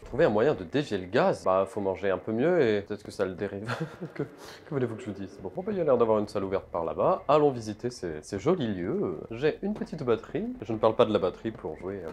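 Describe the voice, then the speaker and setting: A man's voice: lowish voice, very animated, quick pace, a little mellow, a little hiss or hum. A man playing a horror game in let's play commentary, talking in a pompous mock-aristocratic manner with old-fashioned wording and jokey asides to viewers. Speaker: gaming YouTuber.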